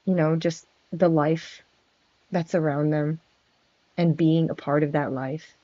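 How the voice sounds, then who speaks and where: Her voice sits low, warm and steady, and she takes her time as a virtual streamer in character as a friendly male vampire prince. She chats casually, giggling nervously and stammering, on a dry, dull lo-fi recording.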